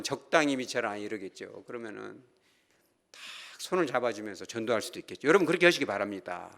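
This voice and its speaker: Animated, bright-voiced Korean pastor. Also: male voice, medium pitch. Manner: animated storytelling, acts out quoted characters; asks the congregation questions. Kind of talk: sermon.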